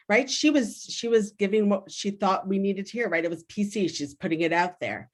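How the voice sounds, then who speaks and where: Woman leading a lively video-call workshop. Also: medium pitch. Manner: energetic, frequently asks "right?". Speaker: workshop facilitator.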